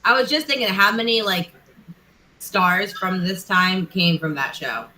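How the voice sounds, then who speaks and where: A woman co-hosting an online trivia game, chatting in an excitable, talkative way. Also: medium pitch, reverberant, a loud crowd, rough recording. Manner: chatty, excitable, quick to laugh. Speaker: trivia co-host. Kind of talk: casual chat.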